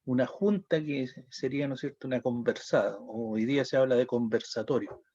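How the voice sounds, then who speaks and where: A man's voice: medium pitch, fairly quick, warm tone, dry recording, muffled recording. A man with a Chilean accent giving a school lesson, explaining step by step and checking in with "¿ya?" and hesitant "eh" sounds. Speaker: teacher. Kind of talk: lecturing a class.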